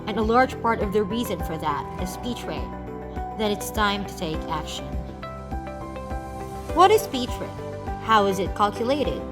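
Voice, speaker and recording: A woman from the Philippines reading a scripted English lesson, with a clear, measured teaching delivery. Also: medium pitch. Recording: music playing behind the voice.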